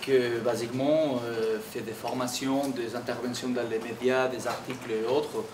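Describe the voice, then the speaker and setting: Man, Catalan foreign accent, halting academic talk, repeated words, echoey noisy recording. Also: mid-range voice, flat delivery. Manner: halting non-native French with repeated words. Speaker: invited speaker, activist economist. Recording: echoey room, distant mic, clearly noisy.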